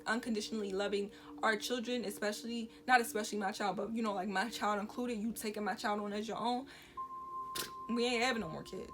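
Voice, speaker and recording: A woman, talking frankly to camera with lots of "you know, like". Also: medium pitch. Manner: casual, frank, many fillers like "you know, like". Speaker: vlogger. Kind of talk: candid talk to camera. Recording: music playing under the voice.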